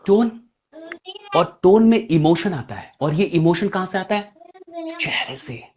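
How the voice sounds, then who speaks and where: A man from India giving a motivational public speaking masterclass, animated, swinging between loud and soft and often asking "right?". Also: high voice, a little slow.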